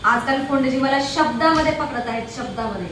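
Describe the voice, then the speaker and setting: A woman's voice: high voice, quick pace, loud music behind the voice. A middle-aged woman narrating a casual home vlog, chatty and coaxing. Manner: chatty, coaxing, mixes Marathi with Hindi and English. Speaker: family vlogger.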